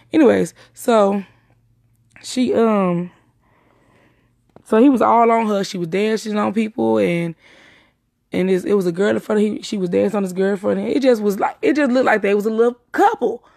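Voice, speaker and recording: A woman's voice: mid-range voice, normal speed, vocal fry, a little mellow, dry recording, clean studio sound. A young woman giving a rambling, profane retelling of a night out, with many restarts and repetitions. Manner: rambling, profane, emphatic storytelling; repeats herself and restarts often. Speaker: witness recounting a night out. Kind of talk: casual spoken retelling.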